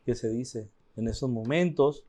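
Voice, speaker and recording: A man's voice: medium pitch, measured pace, dark tone. A man hosting an interview, hesitant, repeating words and giving brief agreements. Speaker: interviewer host. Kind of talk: interview talk.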